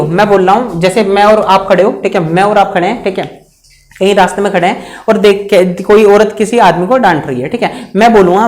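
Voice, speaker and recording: A male teacher explains grammar in a steady classroom lecture. He keeps asking rhetorical questions and answering them himself, and he drags out the English example sentences word by word. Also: high voice.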